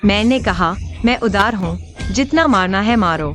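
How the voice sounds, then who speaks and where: A woman's voice: mid-range voice, lively intonation, normal speed, a bit bright, soft background music, close to an everyday voice. A woman playing a sly, mocking mother. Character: scheming, sly middle-aged mother. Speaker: mother of grown sons. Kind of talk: dubbed drama acting.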